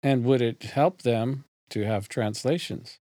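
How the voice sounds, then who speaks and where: A man hosting a podcast, introducing the show and asking a guest measured questions. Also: mid-range voice, mellow, no room sound. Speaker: podcast host and interviewer. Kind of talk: podcast interview.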